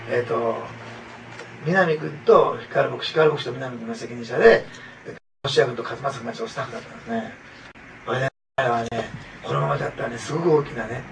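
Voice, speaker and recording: A man's voice: a little high, vocal fry, distant mic, noisy background. A man preaching a sermon as pastor, earnest and repetitive, with frequent asides to the congregation.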